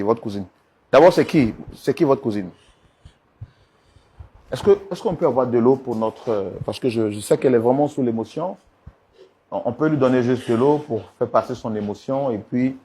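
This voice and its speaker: A man hosting and mediating a couple's dispute, coaxing and calming them with polite, repeated requests. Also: medium pitch, husky. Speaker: host and mediator. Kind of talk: talk show mediation.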